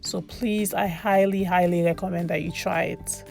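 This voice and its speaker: A woman's voice: fairly low pitch, fairly even intonation, normal speed, gravelly, over music. A woman from Sierra Leone giving casual, chatty food vlog commentary, often repeating words for emphasis. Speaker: food vlogger. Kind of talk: casual voice-over commentary on a meal.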